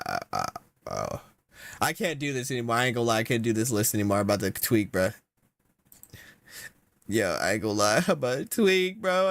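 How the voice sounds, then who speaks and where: A young man giving casual reaction commentary, slangy and exasperated, with sudden loud outbursts. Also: medium pitch, no room sound. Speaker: content creator.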